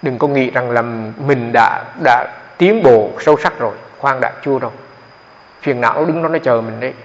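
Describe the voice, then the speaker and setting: Monk in an echoey hall. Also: male voice, medium pitch, normal speed. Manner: conversational and explanatory, often repeating words. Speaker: Buddhist monk teaching meditation. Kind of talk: dharma talk to meditators. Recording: echoey hall, dull lo-fi sound.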